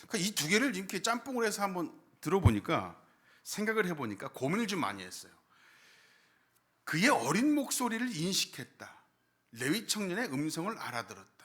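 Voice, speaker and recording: A man's voice: fairly high pitch, a bit bright. A man preaching a Sunday sermon as pastor, asking the congregation questions and letting his voice climb and fall hard. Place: church sanctuary.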